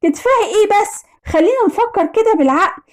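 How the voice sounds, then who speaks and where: A woman voicing a calm, caring husband in a storybook tale, gentle and reassuring with an Egyptian Arabic accent. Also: very high voice, quick pace, pitched above the performer's own voice. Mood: soothing.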